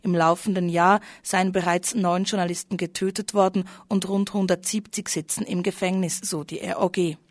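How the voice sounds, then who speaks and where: A woman reading news headlines and the weather in an even, matter-of-fact way. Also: fairly low pitch, moderate pace, hardly any pauses, no echo, studio quality. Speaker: newsreader.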